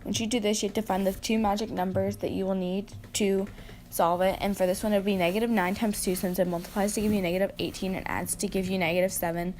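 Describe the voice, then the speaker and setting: A woman's voice: mid-range voice, level tone, quick pace, darkish tone. A woman giving a procedural, repetitive walkthrough of math practice problems as a student presenter. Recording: faint background noise.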